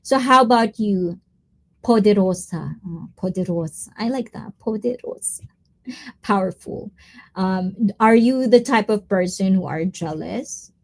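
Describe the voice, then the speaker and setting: A woman with a medium-pitched, unhurried voice hosts a live stream, chatting casually and reading out viewer comments. She's chatty, sprinkles in Tagalog words, and wanders from topic to topic.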